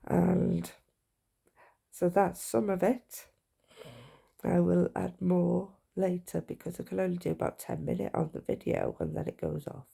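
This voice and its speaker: A woman talks to her phone camera in a heavily gravelly, husky voice, mellow and low in brightness. She speaks frankly and haltingly, pausing and restarting as she reflects. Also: little pitch movement. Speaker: vlogger. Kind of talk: personal testimony to camera.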